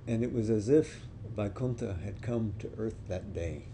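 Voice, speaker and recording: A man telling a devotional story in a slow, deliberate, reflective way. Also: fairly low pitch, mellow, slight background noise.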